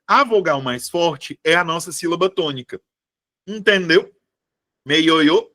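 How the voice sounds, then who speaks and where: A man's voice: fairly high pitch, expressive, a little slow, bright, forceful tone. A male teacher, giving a casual live online class and checking in with his students all the time. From Brazil. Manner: chatty, asks students constant checking questions. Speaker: Portuguese teacher for civil service exam prep.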